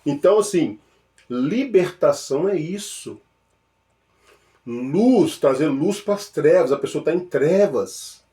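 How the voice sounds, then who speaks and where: A man with a Mineiro Brazilian accent giving an informal spiritual teaching, playful and animated, shifting between loud exclamations and soft murmured repetitions. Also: on the high side, takes it slowly. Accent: Mineiro Brazilian Portuguese. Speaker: spiritual speaker.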